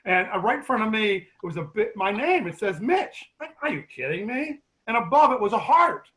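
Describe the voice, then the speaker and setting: A middle-aged man with a fairly high-pitched voice speaks as a guest at a grief support meeting. He tells his story to the group casually and with animation, often stopping and restarting his sentences. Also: low-quality recording. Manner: animated, halting, many restarts.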